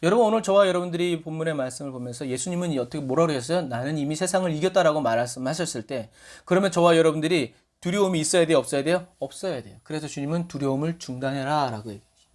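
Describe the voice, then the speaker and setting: A man's voice: fairly high pitch, very fast. A man preaching a Sunday sermon as pastor, asking his congregation questions and acting out little scenes. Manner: lively, asks the congregation questions and acts out quotes.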